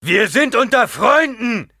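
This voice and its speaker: A man voicing a gruff, emotional male veteran warrior who booms when he calls out, in an audiobook. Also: sing-song, normal speed, dry recording, studio quality, full character voice. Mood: shouting. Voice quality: loud, booming when calling out.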